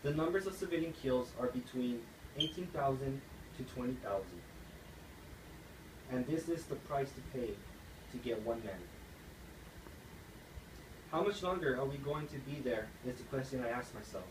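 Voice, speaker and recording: A man's voice: mid-range voice, animated, normal speed, long pauses. A young man from the United States giving an earnest persuasive speech, read aloud like a class assignment. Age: young adult. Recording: echoey room, distant mic, noisy.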